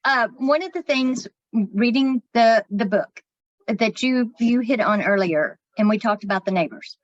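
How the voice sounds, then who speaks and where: A woman's voice: fairly high pitch, unhurried, dull audio. A woman co-hosting a podcast, telling stories in casual chat and swearing now and then. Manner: chatty storyteller, swears casually. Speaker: podcast co-host.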